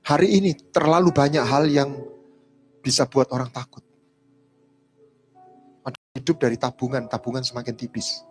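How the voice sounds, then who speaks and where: A male pastor preaching a sermon, telling stories in a voice that swings from loud to hushed. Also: medium pitch, fairly even intonation, moderate pace, pauses often, faint music behind.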